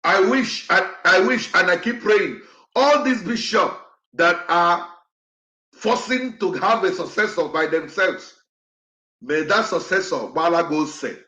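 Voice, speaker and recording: A man's voice: high voice, unhurried, bright, forceful tone, roomy sound, low-quality recording. A man hosting an online show, speaking in an impassioned, repetitive way that falters when he gets upset. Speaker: show host. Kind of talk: emotional commentary to an online audience.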